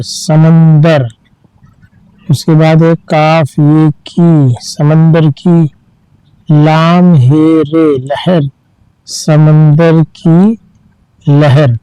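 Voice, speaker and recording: Slow, patient male reading teacher. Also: fairly high pitch, dark tone, clear, resonant tone, dry recording, low-quality recording. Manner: spells each word letter by letter, then reads it slowly. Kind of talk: slow letter-by-letter reading lesson.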